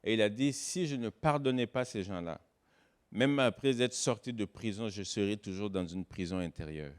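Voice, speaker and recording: Here a male guest pastor's sermon moves from loud to hushed, mixing forceful stresses with soft, low remarks on the side. When a word matters, he slows his delivery to drive it home.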